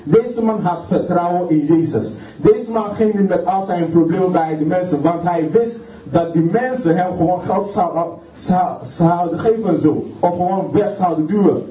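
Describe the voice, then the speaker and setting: A man's voice: high voice, mellow. A man preaching a sermon with fervor, often repeating words and stopping to say hallelujah. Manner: fervent, halting, punctuates with hallelujah, many repeated words. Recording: distant, roomy, dull sound.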